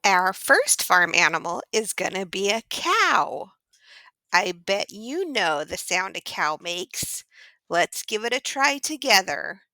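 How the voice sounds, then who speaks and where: A cute, cheerful little pixie pig, voiced by a woman, hosts a children's farm-sounds lesson. He talks slowly in a bright, clear voice. He gushes and keeps urging the kids to try along, and the recording is close and dry. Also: mid-range voice, sing-song, dry recording, exaggerated voice. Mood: sweet, encouraging. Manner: gushing, encouraging, asks kids to join in. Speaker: children's show host.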